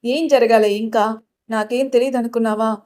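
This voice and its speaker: A woman's voice: on the high side, fairly even intonation, moderate pace, natural voice. A woman voicing an angry, strict middle-aged village mother who scolds her daughter. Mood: scolding. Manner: scolding, shouting.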